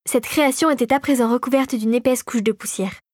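A woman calmly narrating a storybook in a measured reading voice. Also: fairly high pitch, dry recording, studio quality.

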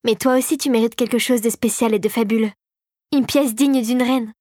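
An eager young girl queen full of plans, as a woman reads her. She speaks high and bright in a storybook reading, with a dry, close sound. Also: fairly even intonation, normal speed, no room sound, natural voice.

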